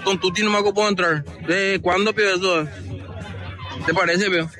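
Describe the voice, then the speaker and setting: A man's voice: sits high, fairly even intonation, moderate pace, over music. A man with a Paraguayan Spanish accent, a football fan stopped outdoors by a stadium, complaining indignantly and rambling into a reporter's microphone.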